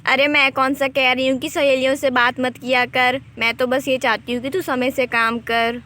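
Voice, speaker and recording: A woman voicing a scolding, nagging old mother-in-law in a doll village story, speaking sharply and loudly. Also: high voice, little pitch movement, moderate pace.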